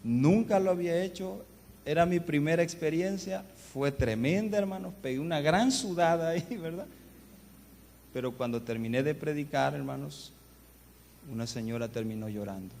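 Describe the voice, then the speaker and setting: A man's voice: fairly high pitch, moderate pace, creaky, darkish tone. A man, a guest pastor preaching a sermon and telling stories while often addressing the congregation. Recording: long church reverb, faint background noise.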